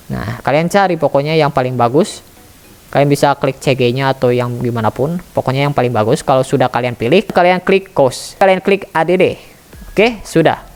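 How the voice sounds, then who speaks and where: The admin of a tutorial channel, a woman with a low, somewhat dark voice, guides her viewers through each step in a relaxed, talkative way, addressing them directly throughout.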